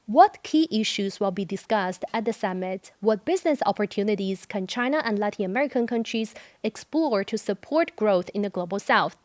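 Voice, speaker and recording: A woman hosting a studio talk show, giving a clear scripted introduction and questioning her guests. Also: mid-range voice, lively intonation, normal speed, hardly any pauses, no room sound. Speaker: host.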